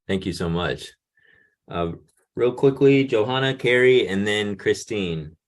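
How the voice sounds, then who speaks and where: A man facilitating an online workshop, moving speakers along briskly on a video call. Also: lowish voice, expressive. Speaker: session facilitator.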